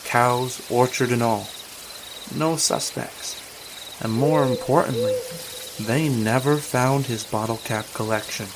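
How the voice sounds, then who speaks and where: An actor playing a cocky, slangy young boyfriend in an audio drama. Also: male voice, medium pitch, slow pace. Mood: spooky storytelling. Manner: slangy, smart-alecky, casual. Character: cocky young man, sleazy boyfriend and storyteller. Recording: noisy outdoor night with crickets and birds.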